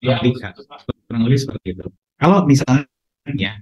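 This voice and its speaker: Man presenting over a video call, connection breaking up, fast explaining with fillers, husky, muffled lo-fi sound. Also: medium pitch, expressive, a little mellow, no echo. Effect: call audio breaking up and dropping out. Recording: dull lo-fi video call audio.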